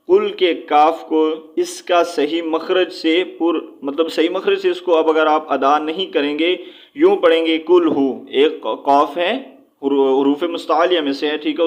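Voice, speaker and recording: A man teaching a spoken recitation lesson. He repeats each point, checks in often with "okay", and slows right down to sound out letters. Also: a little high, dull audio.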